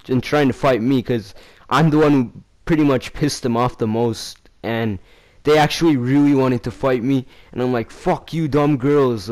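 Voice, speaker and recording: Young man, casual storytime vlog, slangy, swears a lot, rambling, mid-pitched voice. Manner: acts out quoted lines in a louder, higher voice. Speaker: vlogger.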